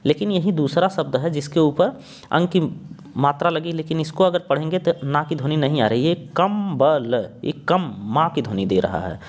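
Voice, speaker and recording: A man's voice: fairly high pitch, animated. A young man teaching a spelling lesson, sounding out words and spelling them letter by letter. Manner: spells out letters one by one, repeats words slowly.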